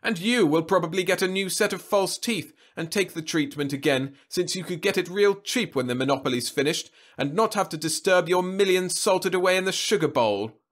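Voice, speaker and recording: A man voicing a gruff, sarcastic old male doctor with a savage edge. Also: on the high side, animated, normal speed, fairly bright tone, voice pushed up.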